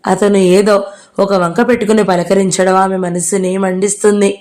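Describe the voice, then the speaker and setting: A woman narrating an audio novel in a steady storytelling read. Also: mid-range voice, normal speed.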